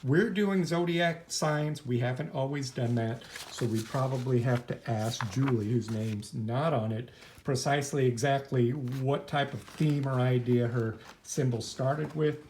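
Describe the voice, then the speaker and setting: An unhurried man with a medium-pitched, somewhat dark voice teaches art from his home, demonstrating hands-on while chatting loosely and wandering off on tangents. The indoor recording picks up noise and clicks.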